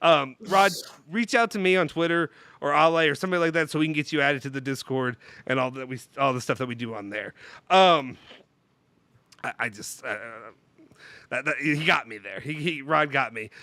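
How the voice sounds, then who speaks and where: A man's voice: a little high, moderate pace, sharp tone, no room sound. A man with a nasal, blocked-nose voice hosting a channel in casual, jokey, rambling live-stream chat. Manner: jokey, rambling, self-deprecating. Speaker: YouTube channel host.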